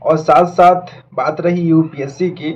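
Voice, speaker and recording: A man's voice: on the high side, steady tone, a little slow, muffled recording. A young man in his twenties from India, talking earnestly and reflectively to camera and mixing in English words. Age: 20s. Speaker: vlogger and aspiring doctor. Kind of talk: casual talk to camera.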